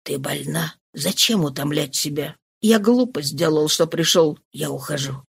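Woman doing a betrayed husband, muffled, low, quiet, storybook reading. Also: lively intonation, a little slow, vocal fry, breathy edge, dry recording, full character voice. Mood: dejected. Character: distraught, wounded husband, bitter and gruff.

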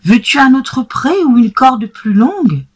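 A woman's voice: lowish voice, big pitch swings, unhurried. A woman doing an anxious old farmer. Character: worried older farmer, protective man. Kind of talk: storybook reading.

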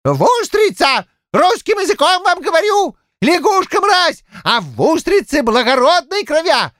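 A cranky old Cossack cook, put on by a male audiobook reader, high and shrill. He blusters and rambles in folksy turns, his voice leaping all over the place. The studio sound is dry and close. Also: sing-song, a little slow, a bit bright, dry recording, heavily acted. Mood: blustering. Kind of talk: audiobook character voice.

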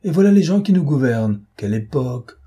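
A man reading an audiobook and voicing a mocking, self-assured gentleman thief with a raised, teasing, theatrical voice. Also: medium pitch, expressive, normal speed, husky.

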